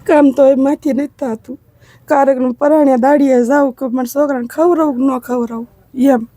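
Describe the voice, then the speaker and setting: A woman, crying as she tells of her hardship in a halting, pleading way. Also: sits high, fairly even intonation, warm tone, no echo. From Gujarat. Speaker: interviewee, widowed mother. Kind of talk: emotional testimony.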